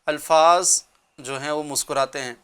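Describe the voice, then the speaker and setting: Earnest man with a bright, clear voice. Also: a little high, fairly even intonation. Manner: earnest, gentle, explanatory with pauses and fillers. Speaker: religious talk show presenter. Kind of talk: conversational religious advice talk.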